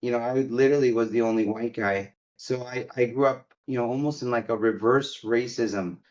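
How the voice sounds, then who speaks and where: A man born in Egypt and raised in America talks candidly about his beginnings, in an easygoing way full of little fillers. His voice sits at an ordinary middle pitch. The recording sounds a bit dull and muffled. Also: a little fast. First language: Arabic. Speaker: guest, mortgage company CEO. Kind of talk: casual interview talk.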